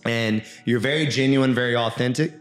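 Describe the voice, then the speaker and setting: An earnest man in his thirties hosts a podcast, upbeat and full of "you know" and "um". His voice sits at a middle pitch and rings in a roomy space, with soft music faintly behind. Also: moderate pace. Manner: earnest, upbeat, talks with many fillers. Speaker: podcast host. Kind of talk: casual podcast interview.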